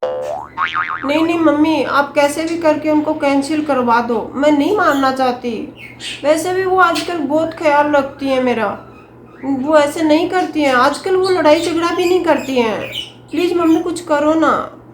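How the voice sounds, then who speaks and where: A woman's voice: high-pitched, lively intonation, measured pace, roomy sound, slight background noise. A woman playing a young, newly married daughter-in-law who talks in an earnest, pleading way.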